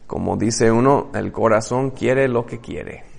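Pastor: animated sermon delivery, scripture reading, acted-out dialogue. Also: male voice, medium pitch, a little slow, creaky. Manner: animated, acts out biblical dialogues, reads scripture aloud.

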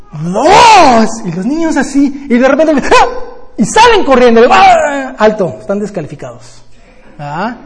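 An older man, a grandfather, teaching a Bible study sermon in a lively storytelling way, often ending with tag questions. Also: high voice, breathy edge, long reverb tail.

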